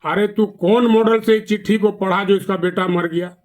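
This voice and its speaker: A man voicing a wise village schoolmaster who asks brisk, pointed questions. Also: high voice, fairly even intonation, natural voice.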